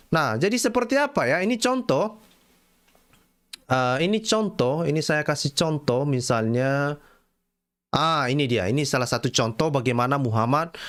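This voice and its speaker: Mocking man with a raised voice. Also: on the high side. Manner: mocking, exclaiming, full of fillers and repeated words; slangy address to viewers. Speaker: online religious critic presenting texts. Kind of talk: casual commentary reading texts off a screen.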